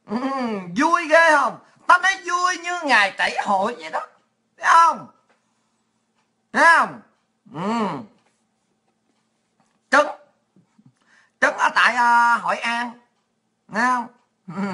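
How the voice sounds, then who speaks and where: A woman's voice: a little high, lively intonation, slow, long pauses, sharp tone. A woman ranting in a coarse, mocking and sarcastic monologue as a political vlogger.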